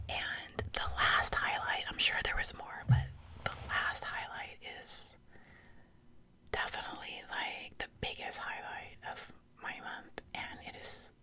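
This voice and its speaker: A woman whispers breathily and very close to the ear, telling personal stories in a casual, chatty ASMR style. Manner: chatty, informal, conversational asides. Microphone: close ear-to-ear ASMR microphone.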